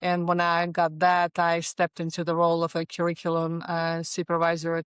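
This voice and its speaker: A woman's voice: on the low side, monotone, normal speed, clean tone, no room sound. A woman, a school superintendent giving earnest interview answers with many fillers. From Latvia. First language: Latvian.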